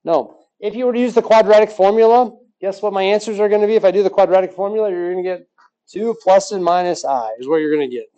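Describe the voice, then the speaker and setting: A man's voice: high-pitched, fast, warm tone, dull audio. A male math teacher giving a recorded lesson, quizzing the class with rhetorical questions and joking along the way.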